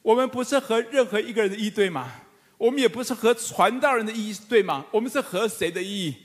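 A middle-aged man pastor preaching a sermon, animated and fervent, with humorous asides to the congregation. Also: high voice, brisk. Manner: animated, rising to fervent emphatic calls. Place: church sanctuary with congregation. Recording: long church hall reverb.

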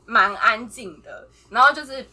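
A woman, co-hosting a podcast and telling office stories in an animated way, acting out the dialogue. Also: a little high, normal speed. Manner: animated, acts out quoted dialogue, laughs often. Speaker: podcast co-host. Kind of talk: casual chat, storytelling.

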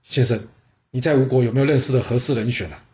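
A man voicing an ambitious prince who speaks in a measured, persuasive way. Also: mid-range voice, a little mellow, natural voice. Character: ambitious male prince, calm and scheming.

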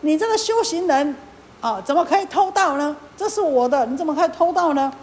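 A stern lotus spirit scolds a would-be thief from its pond, acted by a nun telling a sermon. The rebuke comes high, loud and sharp. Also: female voice, animated, a little fast, in a large hall, slight background noise. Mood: scolding.

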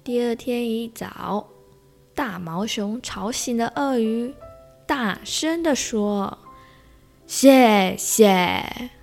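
A woman reading a children's picture book aloud as a storyteller, with gentle, slow pacing. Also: on the high side, gravelly, faint music behind.

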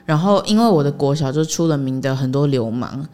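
A woman's voice: extremely low pitch, lively intonation, fairly quick, a little mellow. A young woman with a Taiwanese Mandarin accent, co-hosting a casual podcast chat and making dry, teasing remarks. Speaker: podcast co-host.

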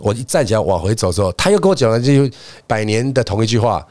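Animated man telling a story. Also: fairly low pitch, very fast, no room sound. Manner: animated storyteller, acts out quotes, laughs often. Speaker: podcast co-host. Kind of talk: casual storytelling chat.

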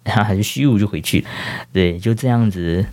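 Man, 30s, deep voice, casual rambling storytelling, podcast host. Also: fairly quick, darkish tone. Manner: rambling, with many fillers and self-corrections.

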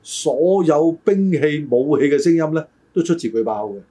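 As co-host of a casual chat, an older man hedges his memories in a hesitant, roundabout way while reminiscing. His voice is fairly high-pitched yet dark and slightly rough, with lively intonation at a normal speed.

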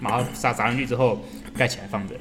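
A man's voice: medium pitch, steady tone, fast talker. A man with a Taiwanese accent explaining something step by step in casual chat, blunt and slangy, often repeating himself. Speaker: podcast speaker explaining a recipe. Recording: music playing behind the talk. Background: music.

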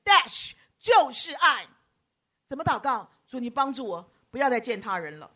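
Animated high-voiced woman preacher. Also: moderate pace. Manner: animated, teasing, acts out quoted voices. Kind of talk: lively sermon with audience banter.

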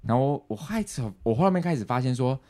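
A man, co-hosting a casual podcast chat and telling animated stories. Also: medium pitch, quick pace. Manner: animated storyteller, mimics others. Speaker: podcast co-host.

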